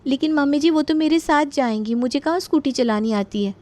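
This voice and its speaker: A woman's voice: sits high, a little fast, darkish tone, no echo, pitched above the performer's own voice, lightly acted. A woman voicing a clever, cheeky young daughter-in-law with a sly, teasing manner. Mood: cheerful.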